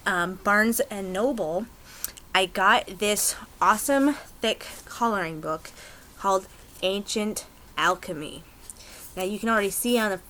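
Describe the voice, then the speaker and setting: A young American woman talks straight to her camera in a rambling, chatty way, full of ums and small bursts of excitement. Her voice is bright and clear, at a middling pitch. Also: a little hiss or hum, low-quality recording. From United States. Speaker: pagan vlogger. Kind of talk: casual chat to camera.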